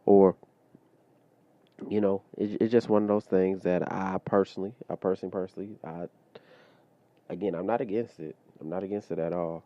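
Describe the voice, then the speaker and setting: Deep-voiced man hosting a casual podcast. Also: fairly even intonation, brisk, pauses often, dark tone, no room sound. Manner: loose conversational, many fillers like "you know what I mean". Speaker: podcast host. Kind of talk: casual solo podcast monologue. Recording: slightly dull lo-fi audio.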